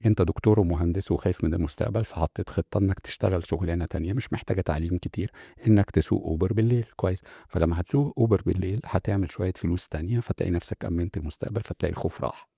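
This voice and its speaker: A man with an Egyptian accent talks very fast in a low, gravelly voice with a husky edge. He hosts a motivational podcast and works through rhetorical questions, checking in with his listeners as he goes. The recording is dry and close. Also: warm tone, dry recording. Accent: Egyptian Arabic. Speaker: podcast host. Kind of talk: motivational talk monologue.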